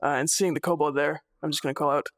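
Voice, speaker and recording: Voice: mid-range voice, steady tone, fast, no room sound, clean studio sound. Hesitant player at a tabletop game. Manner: hesitant, many fillers. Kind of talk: casual tabletop role-play.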